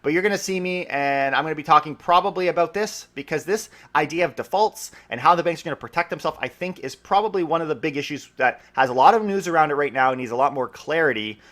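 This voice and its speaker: An upbeat man from Canada with a Canadian accent, his voice sitting a touch higher than most men's. He hosts his own daily podcast as a real estate broker, talking alone to listeners in a chatty way and slipping in casual asides. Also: fast talker, hardly any pauses, a bit bright. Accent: Canadian English. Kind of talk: solo daily podcast monologue.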